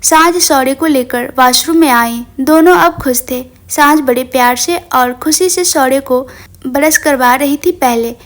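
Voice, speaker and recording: A woman storyteller reading a tender drama with an expressive, emotional delivery. Her voice sits high and keeps a steady storytelling flow. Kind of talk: scripted story narration.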